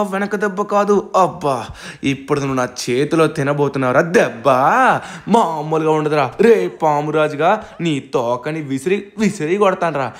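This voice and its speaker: Gameplay host: a man with a slightly high voice narrating role-play with dramatic shouts.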